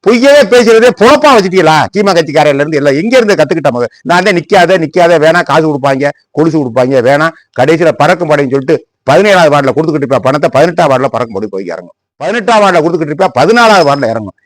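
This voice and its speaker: A man's voice: a little high, lively intonation, rapid-fire, no room sound. A man from Tamil Nadu with a Tamil Nadu Tamil accent, delivering a heated political commentary monologue. He scolds sarcastically and fires off rhetorical questions.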